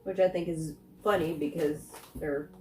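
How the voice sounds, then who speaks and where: A woman's voice: low voice, fairly even intonation, moderate pace, a little mellow. Woman reviewing snacks in an echoey room. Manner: rambling, thinking aloud between tastes. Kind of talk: casual chat, food taste test. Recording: roomy echo, faint music.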